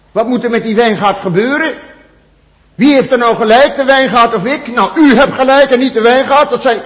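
A man with a fairly high voice delivers a sermon to his congregation. His sound rings out with a long reverb through a large church. He presses points through repetition and shifts between loud emphasis and hushed, almost whispered lines. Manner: emphatic preaching, repeats phrases, sudden loud peaks and near-whispered drops. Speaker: pastor.

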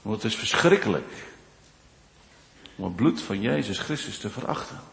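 A man preaching a sermon in a church, rising from hushed, low passages to loud, drawn-out declaiming. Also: very animated, creaky. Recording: long church reverb.

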